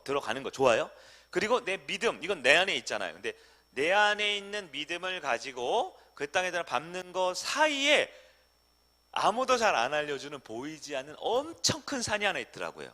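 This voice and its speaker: Male pastor preaching with dramatic swings. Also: a little high. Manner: dramatic swings from loud exclamations to hushed whispers; asks the congregation frequent rhetorical questions. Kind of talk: sermon. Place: church sanctuary.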